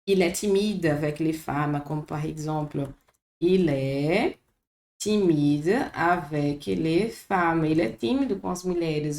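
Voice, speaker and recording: A woman with a Brazilian Portuguese accent teaching a vocabulary lesson, slowly repeating each word for her students. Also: on the low side, darkish tone. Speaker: French teacher. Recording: echoey room.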